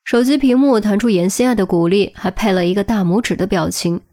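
A woman narrating a web novel audiobook in a steady, even storytelling voice. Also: medium pitch, brisk, dry recording, clean studio sound.

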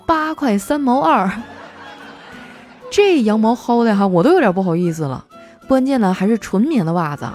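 Chatty woman telling office stories, mellow voice, bouncy pitch, faint music behind. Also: big pitch swings, fast. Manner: chatty, playful, acts out quoted coworkers. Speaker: host. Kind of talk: comic storytelling monologue.

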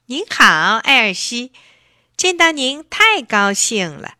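A big storybook lobster greets and chatters with bright, beaming politeness, his voice lifted and lively. A woman puts him on as she reads aloud, in a dry, close recording. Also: high voice, unhurried, no room sound, voice pushed up, full character voice. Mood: cheery, polite. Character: big cheerful lobster, friendly but rough.

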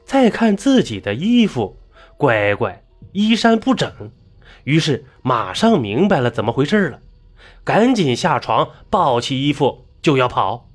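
A man narrating a ghost story in an animated, exclamatory storytelling manner. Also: mid-range voice, unhurried, faint music behind.

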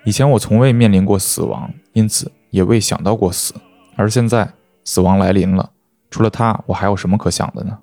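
Deep-voiced man reading a story. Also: a little fast, vocal fry, darkish tone, no echo, faint music behind. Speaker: host and reader. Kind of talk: literary reading aloud.

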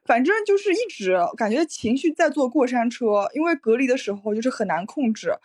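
A woman's voice: a little high, animated, brisk, darkish tone, slightly rough. A woman co-hosting a podcast, chatting casually with many fillers and frequent laughter. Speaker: podcast co-host.

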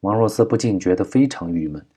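A man narrating a crime novel audiobook at a steady, measured pace. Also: fairly low pitch, breathy edge.

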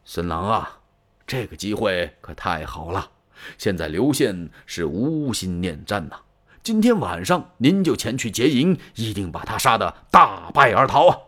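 Storyteller man as a sly old strategist, low and measured, persuasive. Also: big pitch swings, a bit bright, full character voice.

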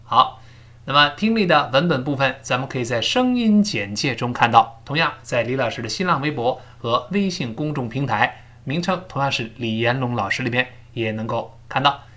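A man teaching English pronunciation in a recorded lesson, drilling phrases slowly and explaining sounds step by step. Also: medium pitch, lively intonation, sharp tone.

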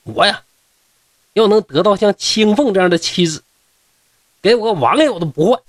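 A man's voice: high voice, wildly swooping pitch, brisk, slightly rough, dry recording, pitched above the performer's own voice, exaggerated voice. A man with a Northeastern Mandarin accent voicing a brash, lovestruck young scholar who talks bluntly. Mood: eager. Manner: blunt, wheedling with his wife.

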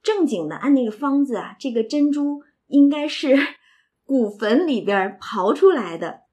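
A woman's voice: sits high, animated, unhurried, a little mellow. A woman retelling and explaining a classic novel in a casual, chatty way, with asides and rhetorical questions. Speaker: literature storyteller and explainer.

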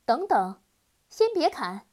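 A woman voicing a brave, clever girl in a children's storybook reading, speaking boldly and loudly. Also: high-pitched, very animated, slow pace, pitched above the performer's own voice, heavily acted. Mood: urgent. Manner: bold, clever, raised voice.

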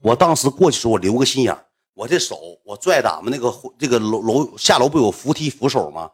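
Young guy w northeastern chinese accent telling a story, slangy and boastful, kinda husky, talks fast. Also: mid-range voice. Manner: animated, acts out voices, slangy and boastful. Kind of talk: casual spoken storytelling.

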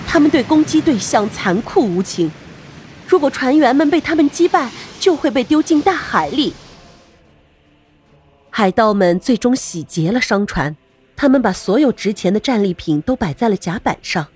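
Animated, high-pitched woman telling children's stories. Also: a little slow, breathy edge. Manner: animated, addresses young listeners directly, with playful exclamations. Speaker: children's storyteller and host. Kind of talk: expressive scripted narration for children.

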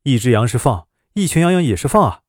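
A man's voice: mid-range voice, expressive, quick pace, darkish tone, dry recording, clean studio sound, close to an everyday voice. A man voicing an anxious woman doctor. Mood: urgent. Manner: urgent, pleading.

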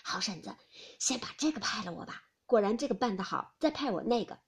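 A woman doing an eager, flattering young man. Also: medium pitch, a little fast, husky. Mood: pleading. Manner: ingratiating, pleading.

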